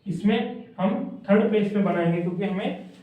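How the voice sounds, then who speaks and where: A male shorthand teacher giving a classroom lesson, saying each word slowly twice and stopping to ask his students questions. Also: high-pitched. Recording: distant, echoey, dull lo-fi room sound.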